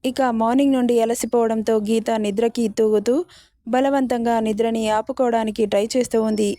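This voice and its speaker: Woman narrating a story in a mellow voice. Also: on the high side, fairly even intonation, brisk, no room sound, studio quality.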